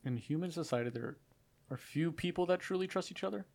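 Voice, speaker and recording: A man co-hosting a casual podcast chat, thinking out loud and hesitating as he answers quiz questions. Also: a little high, animated, a little fast, creaky, noisy background. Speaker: podcast co-host and quiz contestant.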